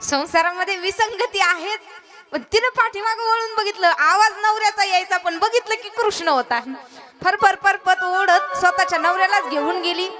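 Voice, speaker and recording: A woman telling a lively, playful devotional story sermon. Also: extremely high pitch, normal speed. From Maharashtra. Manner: lively, playful, laughing at her own jokes. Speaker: kirtankar, storyteller. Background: music.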